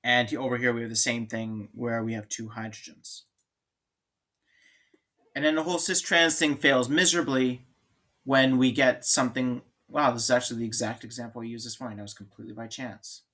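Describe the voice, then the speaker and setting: A man's voice: medium pitch, steady tone, a little fast, fairly bright tone. A man lecturing on chemistry in an informal, joking way, thinking aloud and restarting sentences. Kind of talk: classroom lecture.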